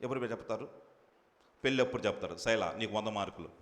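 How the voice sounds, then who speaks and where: A man's voice: lowish voice, fast, long reverb tail. A man preaching as pastor at a Sunday worship service, emphatic and repetitive, putting questions to his congregation. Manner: emphatic preaching with repeated phrases and swings in loudness; asks the congregation questions and addresses them directly.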